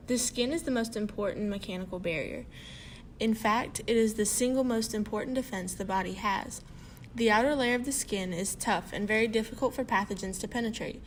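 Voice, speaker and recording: A woman with a mid-pitched voice reads an educational explanation aloud. Her delivery is steady and informative. A faint noise sits underneath. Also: poor audio.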